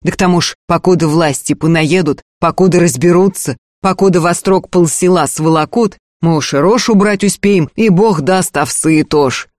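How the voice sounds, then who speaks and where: A man voicing a gruff, scolding old peasant father. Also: on the high side, normal speed, few pauses, dry recording, studio quality, lightly acted. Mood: fierce. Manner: scolding, loud bursts. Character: gruff older peasant father, stern and hot-tempered. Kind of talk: audiobook character reading.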